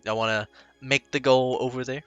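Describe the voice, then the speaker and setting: A man narrating as game master of a tabletop game, laid-back and halting. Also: medium pitch, fairly even intonation, clean tone, no echo, dull audio, faint music behind.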